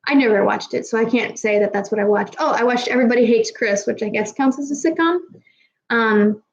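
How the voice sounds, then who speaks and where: Her voice is a little high and gravelly, and she talks fairly quickly: a young woman from Kazakhstan, slightly tipsy, answering chat on a stream. She rambles, swears freely and can't quite manage R's, with lo-fi sound.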